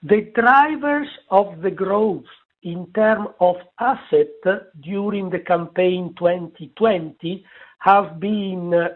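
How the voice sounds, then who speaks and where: On an earnings call, a company executive answers analysts in a halting way with many filler sounds. He has a high voice, heard over a phone line that clips and drops out.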